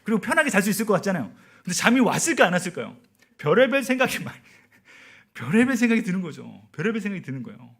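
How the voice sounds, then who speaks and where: A man's voice: mid-range voice, fairly bright tone, slightly rough. A man in his forties, a missionary telling a personal story in a sermon and often asking the audience questions. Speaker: missionary preacher. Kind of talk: sermon at a prayer meeting.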